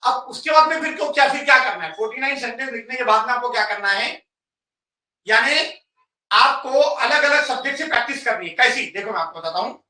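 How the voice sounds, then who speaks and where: A man with a very high, expressive voice speaks quickly in a pushed, bright way while teaching an English lesson to a class. He gives instructions, directs students, and keeps checking in with a frequent "ठीक है?". A distant camera picks him up in an echoey room, so he sounds far off.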